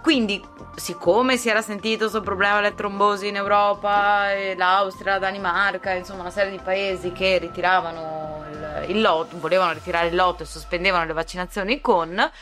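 A woman's voice: mid-range voice, fairly even intonation, fairly quick, hardly any pauses, a bit bright, soft background music. A woman co-hosting a casual podcast, explaining things step by step. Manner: explanatory, methodical, checks in with "ok?". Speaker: podcast co-host.

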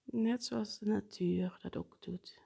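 A woman guiding a breathing meditation in a soft, partly whispered, unhurried way. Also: mid-range voice, gravelly, slightly rough. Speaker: meditation guide.

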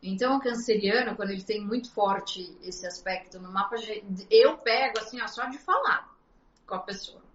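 A woman's voice: medium pitch, normal speed, fairly bright tone. A woman in a casual interview, earnestly explaining things at a shifting pace. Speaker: astrologer guest. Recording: echoey, dull lo-fi sound.

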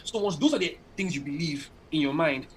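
A man's voice: fairly high pitch, lively intonation, brisk, slight background noise. A young man from Nigeria, talking emphatically in a casual podcast conversation and often checking that he is understood. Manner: emphatic, rhetorical, keeps checking in.

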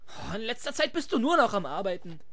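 A woman's voice: medium pitch, sing-song, quick pace, a bit bright. A woman voicing a whiny, lazy, rude man in a comedy dub parody, who is bossy and petulant.

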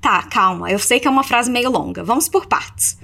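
A woman teaching English. She gives repeat-after-me drills, slows down to model English phrases, then explains them in Portuguese. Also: fairly high pitch, vocal fry, pushed and bright.

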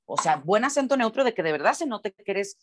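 A woman's voice: mid-range voice, sing-song, a little fast, a little hiss or hum. A woman from Mexico, a voice actor with a Mexican Spanish accent, speaking earnestly and emphatically in an interview. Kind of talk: conversational interview.

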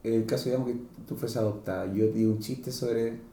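A man's voice: fairly low pitch, steady tone, fairly quick, warm tone, echoey room. A man with a Chilean Spanish accent hosting a podcast, talking in a casual, rambling way with slang and many restarts. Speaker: podcast host. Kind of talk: casual chat.

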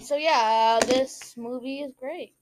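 A woman's voice: high voice, a little slow, background noise. A woman co-hosting a casual movie podcast, giving short agreeable replies and giggling often. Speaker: podcast co-host. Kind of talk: casual chat about a movie.

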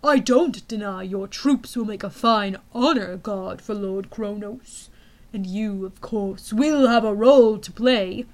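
A woman voicing a cold, scheming male villain general who speaks slowly and loudly. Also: lightly acted. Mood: gloating. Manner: slow, booming, menacing delivery.

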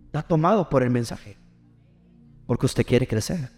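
A man's voice: medium pitch, animated, normal speed, darkish tone, soft background music. A middle-aged man, preaching a sermon and drawing call-and-response from the congregation. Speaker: pastor.

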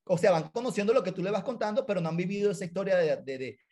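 High-voiced Venezuelan man, animated. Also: rapid-fire. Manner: animated storyteller, acts out quoted lines. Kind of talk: casual chat.

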